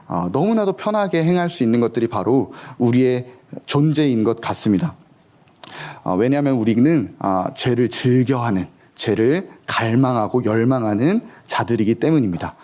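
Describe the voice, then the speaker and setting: A man's voice: medium pitch, a little mellow. A man preaching a sermon as an education missionary, telling stories animatedly and acting out the dialogue. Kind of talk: sermon with storytelling.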